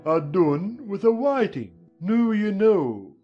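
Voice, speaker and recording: A man's voice: high voice, very animated, takes it slowly, highs cut off, faint music behind, heavily acted. A man voicing a solemn, impatient male Gryphon who bosses others around, in a dramatized audiobook. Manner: blunt, impatient, bossy.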